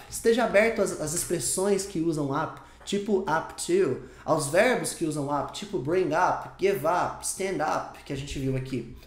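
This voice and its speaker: A man's voice: sits high, reverberant. A man with a Brazilian Portuguese accent teaching an English lesson, emphatic and repeating each point in new words. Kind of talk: explanatory online lesson.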